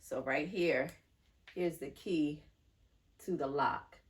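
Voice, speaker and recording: A woman with a nasal voice chats to camera in an unhurried, fond way. Her voice sits low and she drags out her words for emphasis. Pure casual vlog talk. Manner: chatty, drawn-out emphasis, affectionate. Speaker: handbag collection vlogger.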